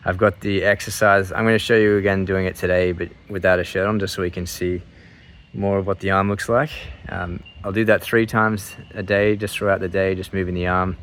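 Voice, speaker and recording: A man's voice: deep voice, little pitch movement, a little fast, fairly bright tone. A man in his mid thirties chatting casually to his viewers, rambling and hesitant as he breaks into his own sentences. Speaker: vlogger sharing surgery recovery update.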